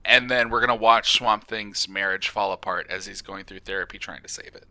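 A man talks as a podcast guest, pitching silly ideas in loose, meandering sentences. His voice has a very bright, forward edge. He trails off and restarts, plainly amused with himself. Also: fairly even intonation, a little fast, no echo. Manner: rambling, self-amused, trails off. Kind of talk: casual comedy chat.

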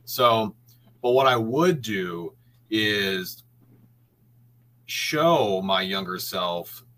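Bright-voiced man musing as a guest. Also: fairly low pitch, expressive, very slow, low-quality recording. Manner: reflective, thinks aloud with many restarts. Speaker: guest artist, printmaker. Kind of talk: casual podcast conversation.

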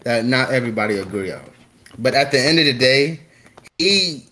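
A man's voice: medium pitch, lively intonation, moderate pace, pushed and bright, slight background noise. A young man debating casually on a podcast like an insistent frat bro, profane and repeating his points.

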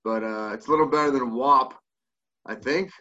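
A middle-aged American man banters on a podcast in a bright, forceful voice. He is joking and irreverent, and the recording is slightly dull and lo-fi. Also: medium pitch, moderate pace. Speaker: podcast co-host. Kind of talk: casual banter.

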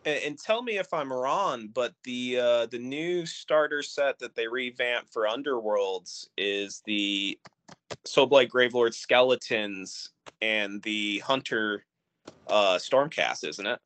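A man co-hosting a gaming podcast, chatting casually, animated and trailing off at times. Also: medium pitch, takes it slowly. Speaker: podcast co-host. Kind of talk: casual chat.

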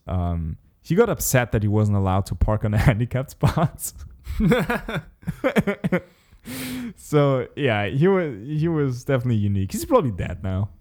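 A man's voice: medium pitch, a little mellow. A man casually telling a story in a chat, swearing often and laughing as he talks. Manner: laid-back storyteller, swears often, laughs mid-sentence.

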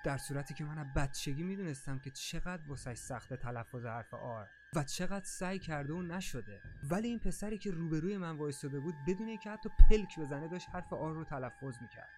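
A man's voice: fairly high pitch, expressive, hardly any pauses, slight background noise. A man narrating a first-person creepy story in a casual, slangy way.

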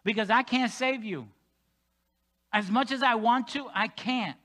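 A male senior pastor preaching a sermon in a church, animated, moving between loud emphatic stretches and quiet joking asides. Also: very high voice, unhurried.

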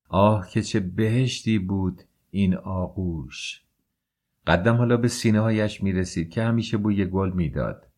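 Male audiobook narrator, low voice, measured and emotional first-person delivery. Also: a little mellow. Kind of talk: scripted narration.

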